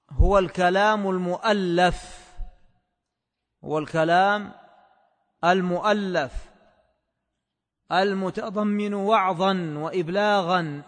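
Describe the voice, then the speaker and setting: A man teaching a class on a classical text in a measured, scholarly way, repeating phrases slowly as if for dictation. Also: high-pitched, fairly bright tone, in a large hall. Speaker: teacher of hadith commentary.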